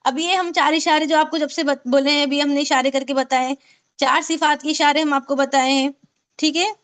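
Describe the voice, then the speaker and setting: A woman with a high, light voice leads an online recitation class over a video call. She explains each point patiently and repeats sounds again and again so her students can drill them. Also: steady tone, normal speed. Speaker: Quran recitation teacher.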